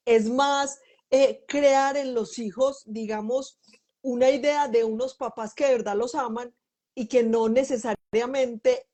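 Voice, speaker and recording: A middle-aged woman hosting a family conversation, telling stories and acting out the dialogue in them. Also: a little high. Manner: animated storyteller, acts out quoted dialogue. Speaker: host, mother.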